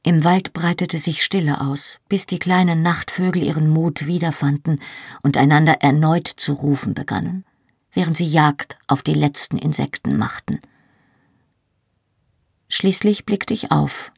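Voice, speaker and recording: A woman's voice: sits low, creaky, husky, no echo, studio quality. A woman reading a first-person novel aloud as an audiobook, with an emotional, dramatic delivery. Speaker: audiobook narrator.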